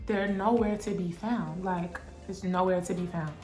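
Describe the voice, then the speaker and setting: Expressive young woman telling a storytime. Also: on the low side, normal speed. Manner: animated, profane, emotional storytelling. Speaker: vlogger. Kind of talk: storytime vlog. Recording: echoey room with faint music.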